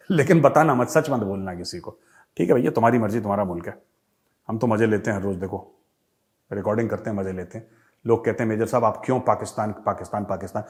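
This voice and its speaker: A man hosting a Hindi political commentary show in a sarcastic, mocking, animated way. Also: medium pitch. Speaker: host, retired army major.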